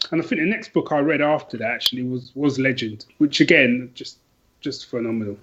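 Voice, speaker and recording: Fairly quick, with a medium pitch, a fairly bright tone and a breathy edge, this man is a podcast guest talking books casually. Dull, lo-fi audio captures his eager, rambling speech and frequent self-corrections.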